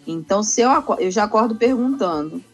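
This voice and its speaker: A woman's voice: medium pitch, lively intonation, fairly quick, soft background music. A woman chatting casually, telling stories about her husband and quoting him. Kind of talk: casual chat.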